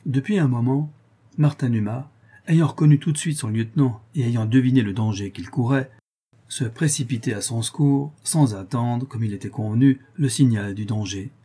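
A man reading an adventure story aloud as a narrator, in a steady storytelling manner that lifts at the dramatic turns. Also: mid-range voice, normal speed, husky. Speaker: audiobook narrator. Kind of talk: scripted narration.

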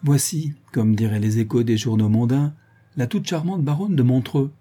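Man doing plump gossipy gentleman, teasing, talkative, dark husky voice. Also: mid-range voice, moderate pace, lightly acted.

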